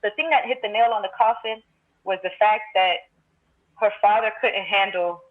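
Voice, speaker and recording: This podcast guest from Brooklyn, New York, speaks at a normal speed in a mid-range voice. Joining by a tinny, phone-like remote line, she reflects in a searching way during the casual conversation and keeps starting her thoughts over.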